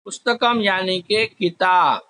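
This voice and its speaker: A man teaching a class, slowly drilling word forms, asking questions and answering them himself. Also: sits high, sharp tone. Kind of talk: slow classroom explanation. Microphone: recorded while writing on a board.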